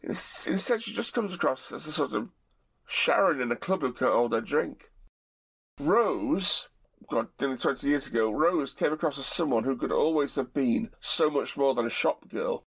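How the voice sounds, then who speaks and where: A man's voice: mid-range voice, lively intonation, normal speed, creaky, fairly bright tone, husky. A man co-hosting a casual review chat, wry and sarcastic. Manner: wry, sarcastic, quotes in mocking voices. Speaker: podcast co-host.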